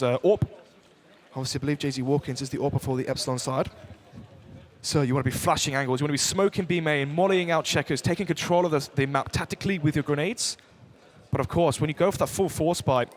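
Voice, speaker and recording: A man commentating analytically as an esports caster, explaining tactics in dense game jargon. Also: on the high side. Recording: gunfire and clicks over the voice. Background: video game gunfire and clicks.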